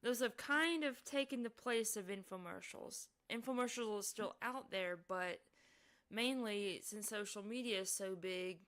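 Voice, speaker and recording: A woman's voice: mid-range voice, a little slow, fairly bright tone. A woman streamer giving casual live commentary on a video, chatty and amused, laughing often.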